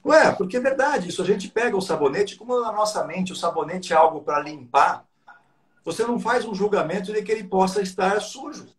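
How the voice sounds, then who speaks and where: A man's voice: sits high, lively intonation, a little fast. A Brazilian man, a business coach guesting on a live online talk, explaining points with frequent tag questions.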